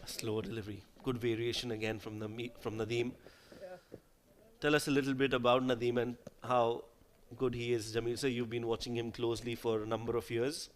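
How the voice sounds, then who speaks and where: A man commentates live on cricket over a faintly noisy background. His pitch is average for a man, and he talks conversationally, as if chatting with a partner in commentary. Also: flat delivery, brisk.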